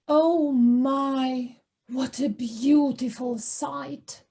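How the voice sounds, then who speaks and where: A woman's voice: sits high, fairly even intonation, drawn-out words, warm tone, husky, full character voice. A woman playing a tired, good-natured female mole in a children's audio play, exclaiming and drawing out her words. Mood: amazed. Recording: home video-call recording.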